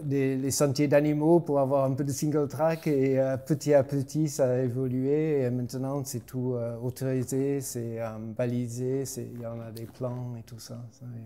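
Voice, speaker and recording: Hesitant older man, smooth dark voice. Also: mid-range voice, flat delivery, normal speed, hardly any pauses. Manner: hesitant, many fillers. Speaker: interviewee, trail builder. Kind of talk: casual interview.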